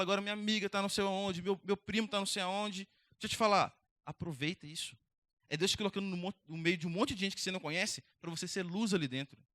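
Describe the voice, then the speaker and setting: A young man preaches to teenagers in a direct, conversational way. He talks fast in a high, bright voice. The sound is dry and close. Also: no echo. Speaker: youth pastor. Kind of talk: youth sermon.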